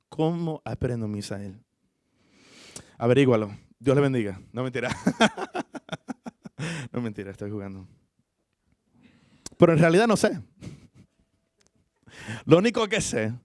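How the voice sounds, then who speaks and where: A man preaching a conversational sermon in church, swinging from soft asides to emphatic peaks. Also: mid-range voice, dry recording, studio quality. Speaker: pastor.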